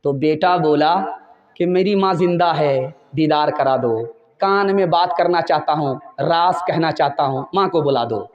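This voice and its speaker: A man's voice: on the high side, echoey room, dull audio. A male Islamic preacher with an Indian Urdu accent, giving a sermon full of parables and telling his listeners emphatically to listen closely. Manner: emphatic storytelling, urging listeners to pay attention.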